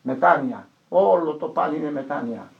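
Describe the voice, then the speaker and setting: A man's voice: on the high side, lively intonation, vocal fry, highs cut off. An older man, a priest, preaching and telling a story with acted-out quotes. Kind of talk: sermon.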